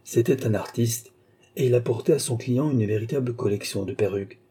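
Man with a dark, husky reading voice. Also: medium pitch, a little fast. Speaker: audiobook narrator. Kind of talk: scripted narration.

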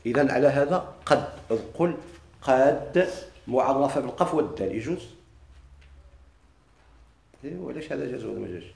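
Fast-talking Moroccan teacher in echoey room. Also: male voice, mid-range voice, animated, creaky, darkish tone. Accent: Moroccan Arabic. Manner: asks the class questions and answers them himself. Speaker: grammar teacher. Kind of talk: classroom lesson.

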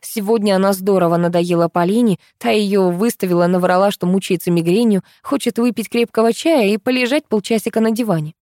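A woman narrating a first-person audiobook in a lively, ironic manner. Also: mid-range voice, brisk, hardly any pauses, no room sound, studio quality.

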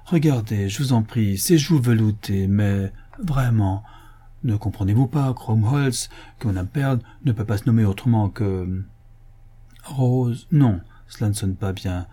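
A man voicing a pompous, quick-tempered official with a booming, scornful manner. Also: dark tone, breathy edge. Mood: gushing.

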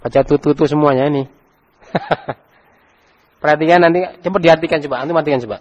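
A man's voice: fairly high pitch, fast talker, darkish tone, lo-fi sound. A man with an Indonesian Javanese accent teaching an Arabic grammar class, quizzing his students and prompting them to read aloud. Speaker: Islamic teacher.

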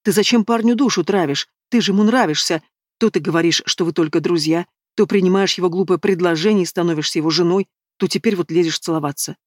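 A woman's voice: fairly low pitch, fast talker, dry recording, clean studio sound, natural voice. A woman voicing a stern young woman in an audiobook who scolds her friend in a reproachful tone. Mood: scolding.

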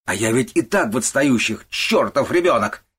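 A man voicing an irritable young husband who talks in a gruff, loud, snappish way. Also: lowish voice, a little fast. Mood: irritated.

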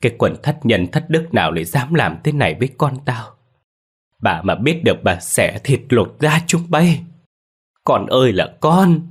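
A man's voice: sing-song, brisk, slightly rough. A man voicing a grieving old village mother who wails and curses over her daughter's grave. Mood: wailing grief. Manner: wailing, shrill cries.

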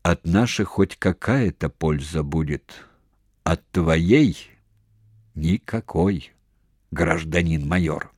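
Unflappable frontline company commander, deep and measured, voiced by a man in an audiobook. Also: no echo, clean studio sound. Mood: calm defiance. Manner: calm, measured and slow. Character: calm defiant male company commander soldier.

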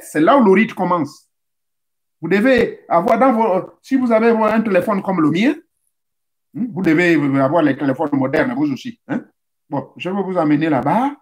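Male spiritual teacher, high voice, didactic, talks straight to listeners, repeats steps. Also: animated, normal speed. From Central Africa. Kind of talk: instructional talk.

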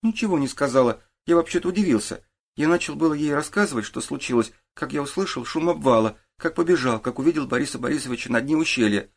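A man's voice: on the high side, animated, quick pace, vocal fry, voice pushed up. A man reading an audiobook, voicing a sullen teenage boy who answers in grudging mumbles. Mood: explaining. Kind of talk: audiobook character voice.

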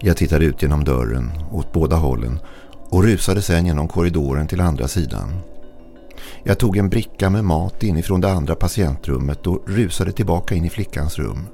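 A man with a gravelly voice reading a scripted horror story in a low, hushed, suspenseful way. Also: lively intonation. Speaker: narrator. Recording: narration over faint music.

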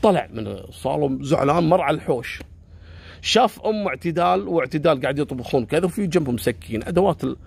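A man's voice: a little high, quick pace, gravelly, slightly rough. A man telling a story casually and animatedly, acting out each character. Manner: animated, acts out every character.

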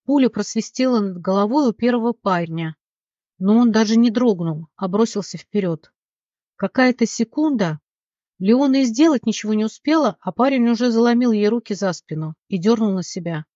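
An audiobook narrator reads a fantasy novel aloud in a steady, dramatic, mid-pitched voice at normal speed. The close, dry recording has no room sound and a slightly dull, muffled top end.

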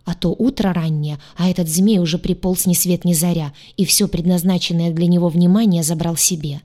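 A woman narrating a fantasy romance audiobook in a measured storytelling manner. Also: fairly low pitch, steady tone, dark tone.

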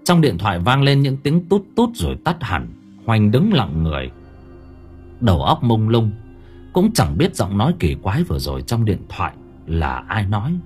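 Guy reading a spooky story, really animated voice, soft music underneath. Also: on the low side, normal speed. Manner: expressive, suspenseful. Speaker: audiobook narrator. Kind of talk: dramatic horror story narration.

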